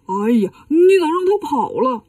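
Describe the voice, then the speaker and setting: A woman's voice: sits high, lively intonation, normal speed, warm tone, no echo, clean studio sound, far from the mic. A woman voicing a greedy, clumsy male pig disciple who talks eagerly and whines.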